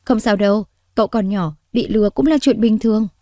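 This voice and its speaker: A woman voicing a bold, big-hearted three-year-old girl who is always hungry, in a bright, eager childish voice. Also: medium pitch, fairly quick, no echo, studio quality, close to an everyday voice.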